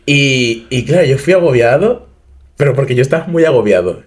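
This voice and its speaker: A man's voice: mid-range voice, animated, fairly quick. A young man with a Madrid accent, co-hosting a casual podcast chat and telling stories animatedly, acting out his own reactions. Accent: Madrid Spanish. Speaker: podcast co-host.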